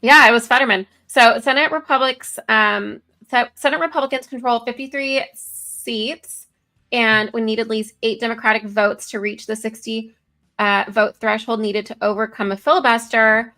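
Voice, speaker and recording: A woman's voice: fairly high pitch, fairly even intonation, normal speed, pushed and bright. A woman co-hosting a casual political talk show, reading news articles aloud with many fillers and self-corrections. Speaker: co-host.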